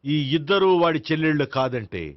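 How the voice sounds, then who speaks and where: An actor plays a preachy police officer who moralises at everyone, his slightly high voice swinging widely up and down. It comes from a dull film soundtrack with light music underneath. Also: expressive, a little fast, no room sound, lightly acted. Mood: stern, preachy. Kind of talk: Telugu film comedy acting.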